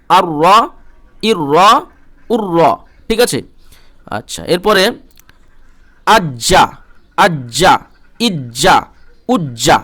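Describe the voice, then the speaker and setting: A man teaches a slow recitation lesson, spelling out each syllable and then repeating the set. His voice sits high and sounds bright and clear. He works through the drills at an unhurried pace, one item after another. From India. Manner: patient, drills syllables aloud and repeats them. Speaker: Quran reading teacher.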